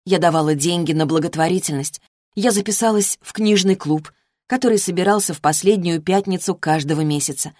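A woman reading a novel as a first-person audiobook narrator, in a steady, measured way on a close studio mic. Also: fairly low pitch, no echo.

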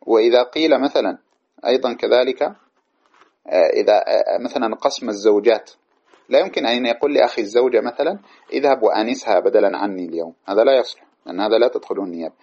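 A man's voice: mid-range voice, quick pace, darkish tone, husky. A man teaching Islamic jurisprudence in a classroom lecture, reading passages from a text and explaining them at length. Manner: reads a passage aloud, then explains it at length. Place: lecture hall with microphones. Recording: dull lo-fi lecture recording.

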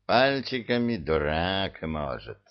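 A man's voice: sits low, sing-song, slow, dull audio, heavily acted. A man voicing Lucifer, a tipsy, smug male devil with a mincing, affected manner, in an audiobook.

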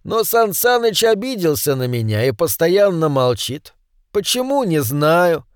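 A man's voice: very animated, a little slow, smooth, no room sound, studio quality. A man voicing a fat, childish middle-aged man who babbles and pleads in a whiny voice. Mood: chattering. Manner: whiny, high-pitched, babbling.

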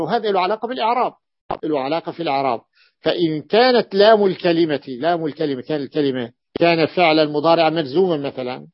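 A man's voice: a little high, no echo. Guy teaching a class, says each example twice, close dry mic, kinda dull lo-fi audio. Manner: repeats phrases, stresses examples. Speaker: sheikh teaching Arabic morphology. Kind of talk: classroom lesson explanation. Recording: muffled lo-fi recording.

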